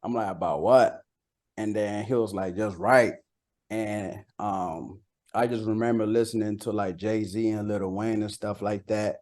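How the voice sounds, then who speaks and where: Unhurried and steady, his voice sits on the low side with a darkish tone. He's a bilingual rapper and songwriter from San Jose, Costa Rica, a native Spanish speaker, chatting casually as an interview guest and sprinkling in "like" and "you know."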